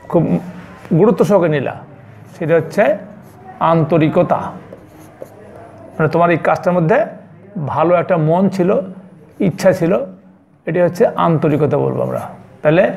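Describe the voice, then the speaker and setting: A male school teacher giving an online English lesson to young children, explaining word meanings step by step and repeating each answer slowly. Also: fairly high pitch, gravelly, a little mellow, muffled recording.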